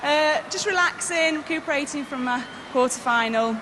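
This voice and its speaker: A woman's voice: high-pitched, normal speed, noisy background. Cheerful woman in echoing arena. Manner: cheerful, relaxed, trailing off softer. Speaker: game show contestant. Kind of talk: short interview answers. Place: large indoor arena.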